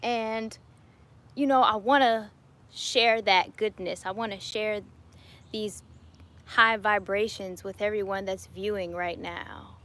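Taking it slowly, she talks at a medium pitch with fairly even intonation and a fairly bright tone. A YouTuber in her late twenties, she laughs often while casually answering livestream chat from her home garden, recorded on a phone or webcam at arm's length.

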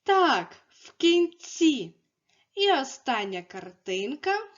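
A woman leads a children's speech lesson in a slightly high, very lively voice. She talks very slowly and spells out every sound with care as she coaxes the little ones along. The recording sounds dull and lo-fi. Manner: slow, clearly enunciated, coaxing. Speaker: preschool speech teacher.

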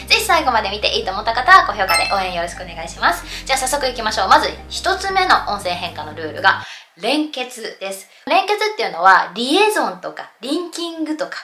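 Lively bright-voiced woman teaching pronunciation. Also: on the high side, roomy sound. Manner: lively, explaining with spoken examples. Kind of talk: casual lesson at a blackboard.

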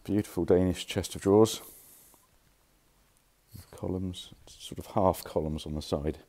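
A little slow, with a low-pitched, dark voice, a man casually presents furniture in a warehouse. He's a dealer walking through his stock, recorded on a handheld phone camera, talking in a chatty, informal way and sometimes catching his own mistakes.

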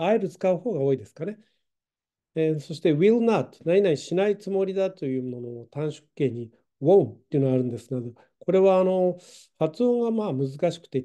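A man's voice: fairly high pitch, warm tone. A middle-aged man teaching English grammar online, explaining patiently with many fillers.

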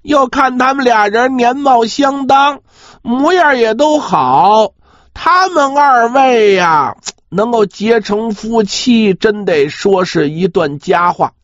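Slow, animated male pingshu storyteller. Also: very high-pitched. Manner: drawn-out particles, rhetorical asides to listeners. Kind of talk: dramatic traditional pingshu storytelling. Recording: roomy, slightly dull audio.

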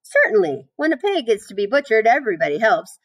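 Woman doing a blunt old sheep, lively delivery. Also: fairly high pitch, fairly quick, husky, no echo, pitched above the performer's own voice, full character voice. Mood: grimly matter-of-fact. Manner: matter-of-fact, grimly knowing. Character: blunt, world-weary, gossipy old female sheep.

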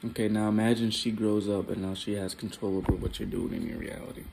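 A young man vlogging at home early in the morning, talking in a hushed, rambling, slangy way about spiritual ideas. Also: steady tone, quick pace, gravelly. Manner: rambling, hushed and low-key, with slangy asides. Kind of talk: casual spiritual monologue to camera. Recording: loud background noise.

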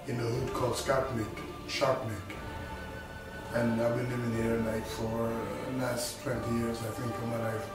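Indoors against a studio backdrop, a medium-pitched man from Senegal, who boxes and raps, casually introduces himself on camera. He rambles, going back over phrases and starting them again. The distant recording sounds very echoey, with music behind him.

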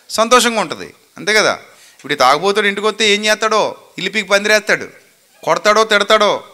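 Pastor, male, bright high voice; fiery scolding sermon, rhetorical questions.

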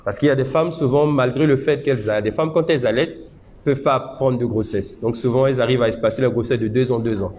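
A man teaching religion at a seminar, patiently explaining and checking with his audience, demonstrating Arabic sounds slowly. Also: mid-range voice, a little mellow. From Côte d'Ivoire. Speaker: Islamic teacher. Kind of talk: religious teaching and Quran recitation lesson. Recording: dull lo-fi seminar recording with faint noise.

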